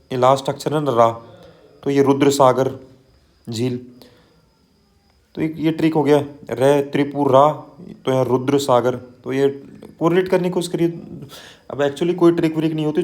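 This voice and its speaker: Mellow-voiced man teaching exam lists. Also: medium pitch. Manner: conversational, frequent "है ना" and "ठीक है" tags; reads place lists slowly, one item at a time. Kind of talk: exam-prep lesson.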